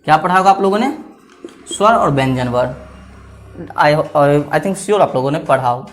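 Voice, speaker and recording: A man's voice: on the high side, expressive, moderate pace, a bit bright. Male tutor quizzing his students. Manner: repeats each point as a question to students; checks understanding with "clear?" and "theek hai na". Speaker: teacher. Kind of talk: exam-prep grammar lesson.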